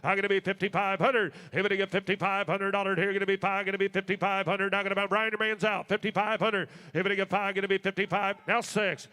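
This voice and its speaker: A man working as an auctioneer, calling bids in a rapid, repetitive, rolling live chant. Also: high voice, level tone, bright, forceful tone, clear, resonant tone. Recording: long hall reverb.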